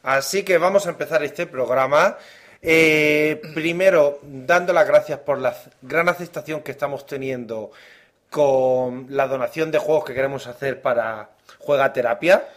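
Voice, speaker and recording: A man's voice: mid-range voice, a little slow, a bit bright. A man with an accent from Spain co-hosting a casual gaming podcast, joking loosely but turning earnest when he appeals to his listeners. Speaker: podcast co-host.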